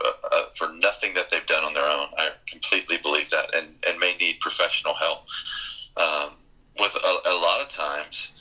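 A man's voice: deep voice, pushed and bright, breathy edge, rough recording. A man, a pastor guest, answering interview questions in an earnest, plainspoken way and quoting scripture.

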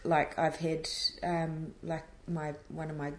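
A woman's voice: low voice, level tone, slow. A New Zealand woman in her thirties chatting casually as an interview guest. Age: 30s. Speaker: interview guest, street artist. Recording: echoey room with clear background noise.

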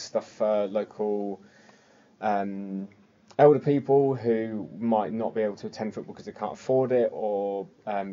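A man with a Home Counties English accent and a fairly low voice talks casually on a fan podcast. He rambles conversationally. The recording is slightly dull and lo-fi. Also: dark tone. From southern England, Surrey and the Cotswolds. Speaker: football fan podcast host. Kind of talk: casual chat.

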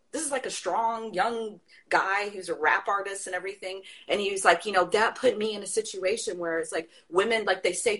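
A woman talking passionately in a casual conversation, telling stories and laughing as she makes her point. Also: medium pitch. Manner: passionate, animated storytelling with laughs. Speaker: guest.

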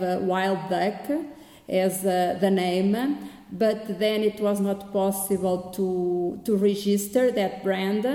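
A woman with a Portuguese accent giving halting, conversational interview answers as she searches for words. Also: medium pitch, dark tone. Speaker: podcast guest, winemaker. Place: echoey room. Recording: echoey, reverberant room.

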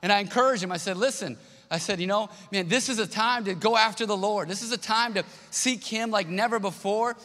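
A male pastor delivers an earnest sermon, repeating his key points and slipping into the voices of people he quotes. His voice sits high and sounds bright and forceful. The room rings with a long hall reverb. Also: a little fast. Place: church auditorium.

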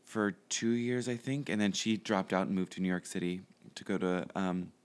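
A man's voice: deep voice, moderate pace, smooth. A young man, a podcast guest, chatting casually and rambling with lots of fillers and restarts. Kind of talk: casual interview chat.

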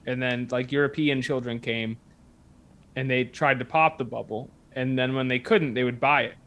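A man's voice: medium pitch, fairly even intonation, normal speed, fairly bright tone, highs cut off. A man chatting casually and comically, telling rambling anecdotes as a guest. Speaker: guest telling stories of odd jobs.

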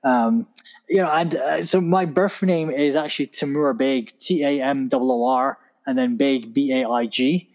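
A man's voice: mid-range voice, moderate pace, a little mellow, highs cut off. A man in his thirties, a founder guest telling stories in a casual interview, rambling with many fillers and restarts. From Scotland. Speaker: podcast guest, tech founder.

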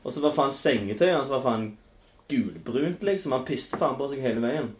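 Sweary Norwegian-speaking man in an echoey room. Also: medium pitch. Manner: crude, swearing, animated storyteller. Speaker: podcast host. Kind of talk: casual anecdote telling. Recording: echoey room with faint noise.

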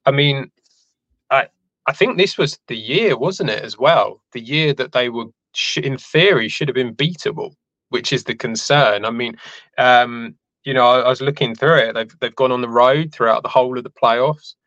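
Co-host on a dull, dry line. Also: male voice, medium pitch, normal speed, fairly bright tone, dry recording. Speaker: podcast co-host. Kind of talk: casual chat.

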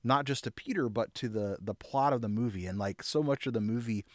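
Brief: male podcast co-host, mid-pitched, dry close sound, earnest, stop-start delivery. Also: dry recording. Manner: earnest, halting with frequent restarts. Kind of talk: casual chat.

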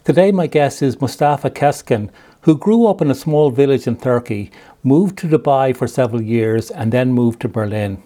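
Calm male podcast host, mellow voice. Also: medium pitch, moderate pace. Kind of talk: podcast interview.

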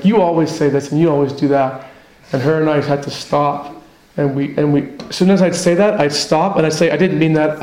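A man's voice: on the high side, dark tone. Earnest male pastor in an echoey hall. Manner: earnest, conversational teaching with personal stories. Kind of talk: sermon. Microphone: handheld microphone.

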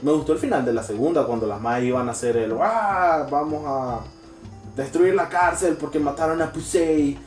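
A young man, co-hosting a casual podcast in a crude, sarcastic, animated way. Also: a little high, normal speed, roomy sound, distant mic, faint music behind. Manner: crude, sarcastic and animated, slips into mocking voices. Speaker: podcast co-host.

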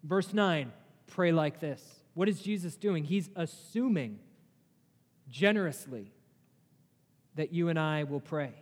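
A man's voice: a little high, lively intonation, takes it slowly, pauses often. A male pastor preaching a sermon, earnest, with rhetorical questions and emphatic rises in his delivery. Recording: long hall reverb.

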